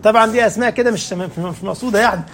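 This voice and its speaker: High-voiced Egyptian preacher. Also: male voice, rapid-fire, a little hiss or hum. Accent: Egyptian Arabic. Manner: animated, rhetorical questions, joking asides. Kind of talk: sermon with Quran recitation.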